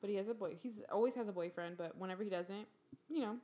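A woman's voice: mid-range voice, quick pace, dark tone. Blunt, teasing woman host. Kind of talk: casual chat.

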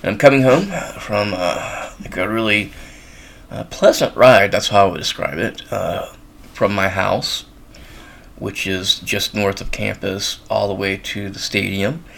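A man's voice: fairly low pitch, steady tone, a little slow, creaky, fairly bright tone. A man hosting his own show, telling a long story in a rambling way, full of ums and uhs. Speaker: podcast host. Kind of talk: casual storytelling. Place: college town in the United States.

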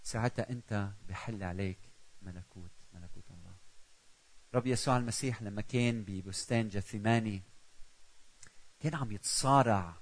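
A middle-aged man with a Lebanese Arabic accent preaching a sermon, swinging from loud cries to hushed prayerful quoted lines. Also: mid-range voice, rough recording. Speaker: pastor.

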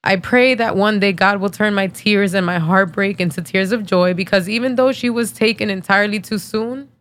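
A woman's voice: medium pitch, normal speed, fairly bright tone. A woman in her thirties hosting a podcast, telling a personal story in a casual, candid way with many fillers, tearful and emotional. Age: 30s. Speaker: podcast host.

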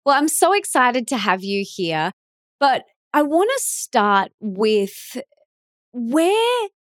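Enthusiastic woman podcast host, lively pitch. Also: dry recording, clean studio sound. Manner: enthusiastic, warmly curious questioning. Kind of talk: podcast interview questions.

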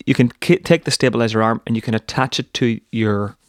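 A man's voice: medium pitch, fairly quick, no echo, clean studio sound. A man co-hosting a casual podcast chat, enthusiastic, repeating himself and trailing off mid-sentence. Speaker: podcast co-host.

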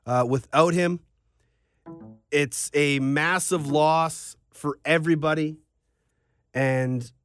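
A man's voice: on the high side, smooth, no room sound, studio quality. A man hosting a sports podcast, talking in a casual, rambling, conversational way.

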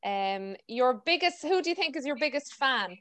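Higher-voiced Mayo woman hosting a chat. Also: lively intonation, moderate pace, a bit bright. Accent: west of Ireland, County Mayo. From County Mayo, Ireland. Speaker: podcast host. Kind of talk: casual chatty interview. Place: remote video call.

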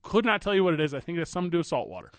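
A man from St. Louis banters in a loose, rambling way, full of slangy asides. His voice sits on the higher side for a man. The studio sound is close and dry. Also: expressive, racing, dry recording. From St. Louis, USA. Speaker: radio co-host. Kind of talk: casual radio banter.

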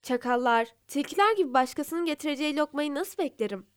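A woman's voice: high-pitched, animated, brisk. A woman doing a furious boastful lion king. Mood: wary. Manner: roaring, boastful.

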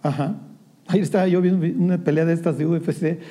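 A man with a Mexican Spanish accent preaching in a conversational style, telling a personal story, often clearing his throat and poking fun at himself. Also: on the high side, fairly even intonation, fast, dark tone. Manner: chatty storytelling with throat clearing and self-deprecating humor.

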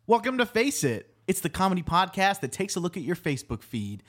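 A man's voice: high-pitched, sing-song, brisk, fairly bright tone. A man co-hosting a comedy podcast, joking around and reading posts aloud to his co-hosts. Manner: joking, reads posts aloud, breaks into laughter. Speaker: podcast co-host. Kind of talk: casual comedic banter.

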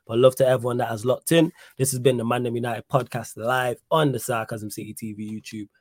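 A man's voice: mid-range voice, flat delivery, brisk, no room sound. A man with a London roadman accent and slangy delivery, hosting a casual live football podcast. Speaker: podcast host.

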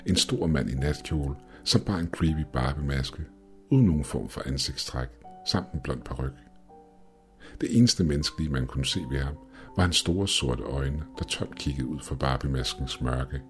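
Man, horror story narration, extremely low voice, slow, measured, grim. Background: faint music.

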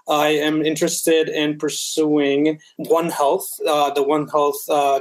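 Young guy from colombia, kinda high flat voice, earnest, lots of uhs and restarts. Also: poor audio. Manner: earnest, with many fillers and restarts. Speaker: guest, veterinary student. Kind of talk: casual interview.

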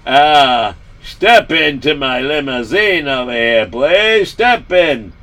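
A man's voice: medium pitch, lively intonation, a bit bright, far from the mic. A man voicing an arrogant, boastful rich man who demands special treatment, in an improvised story. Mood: condescending. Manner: haughty, indignant, drawn-out exclamations.

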